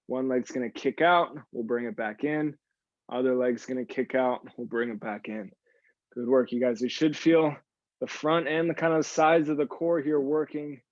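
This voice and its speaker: Heard on dull audio with no room sound, a fitness instructor speaks at a normal pace with a medium-pitched voice and fairly even intonation. He coaches a live workout class, cueing moves and repeating short praise to the group while his breathing shows exertion through audible sighs.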